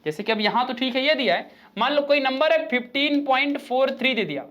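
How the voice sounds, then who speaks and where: A male physics teacher, giving a chatty, informal online lecture in which he reads rules out slowly and then explains them with joking asides. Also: extremely high pitch, animated, highs cut off.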